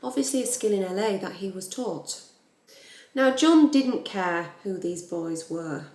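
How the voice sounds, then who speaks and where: Woman, mid-pitched, blunt and sweary vlogger in a roomy space. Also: unhurried. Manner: blunt, swears freely, animated. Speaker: true crime vlogger. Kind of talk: casual storytelling. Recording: roomy echo.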